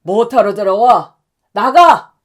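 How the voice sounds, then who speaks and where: A woman voicing a domineering middle-aged husband who shouts and sneers at his wife in a radio story drama. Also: mid-range voice, lively intonation, slow. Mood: yelling angrily. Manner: shouting, contemptuous.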